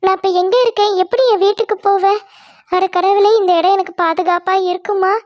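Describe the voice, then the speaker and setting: A woman voicing a gentle, kind young female bird who speaks in a pleading, worried way. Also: extremely high pitch, steady tone, brisk, dull audio.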